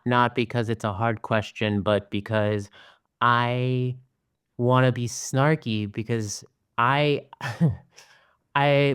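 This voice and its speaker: A man answers an interview question at a very slow pace, pausing to think. His voice is smooth and clear, heard dry and close. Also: medium pitch, a bit bright, no room sound. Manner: slow, thoughtful, with pauses and fillers. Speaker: guest, organizer.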